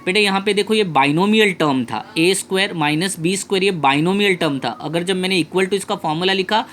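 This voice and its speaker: Indian man teaching math, slow and repetitive. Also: high-pitched, fairly bright tone, a little hiss or hum. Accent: Indian English. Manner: repeats key phrases slowly, coaxing students. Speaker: math tutor. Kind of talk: classroom lesson.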